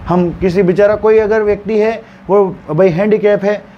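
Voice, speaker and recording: A man's voice: high-pitched, steady tone, normal speed, muffled recording, a little hiss or hum. A male teacher retelling a story for students, acting out the characters' stammering and dialogue as he explains.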